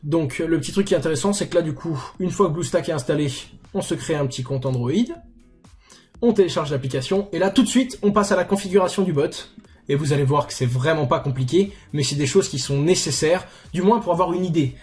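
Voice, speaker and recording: A young man walks viewers through a setup in a loose, chatty tutorial. He drops crude slang and pokes fun at himself. His voice sits a little high, with faint music underneath. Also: fast talker, a little mellow. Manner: chatty, crude slang, self-mocking asides. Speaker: YouTuber tutorial host. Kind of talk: casual screen-recorded tutorial.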